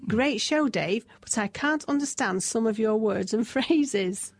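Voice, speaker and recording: A woman's voice: on the high side, lively intonation, a little slow, no echo. A woman co-hosting a radio show, reading out listener questions in a brief, matter-of-fact way.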